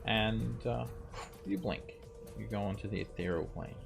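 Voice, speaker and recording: A man runs a tabletop fantasy game in a casual narrating style. His voice is low and full of fry, with music clearly playing behind him. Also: steady tone, a little slow. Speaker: game master.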